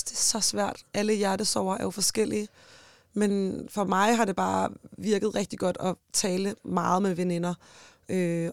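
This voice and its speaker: A young woman telling a personal story in lively bursts as a podcast guest, full of fillers and quick asides. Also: medium pitch, vocal fry, no echo, clean studio sound. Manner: lively, talks in fast bursts with frequent fillers. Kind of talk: animated storytelling in conversation.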